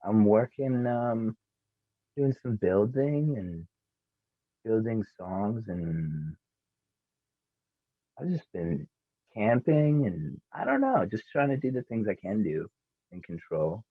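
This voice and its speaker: A man's voice: fairly low pitch, very animated, slow pace, long pauses, breathy edge, no echo. A male musician guest chatting casually in an interview, rambling and laid-back with plenty of fillers. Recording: tinny phone-like remote audio.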